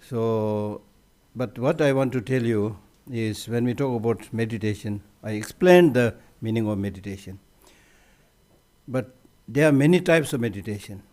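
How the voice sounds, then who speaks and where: Brief: male Buddhist teacher, mellow tone, chatty restarts, light humor. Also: medium pitch, moderate pace. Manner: conversational, repeats words as he restarts. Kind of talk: conference teaching talk.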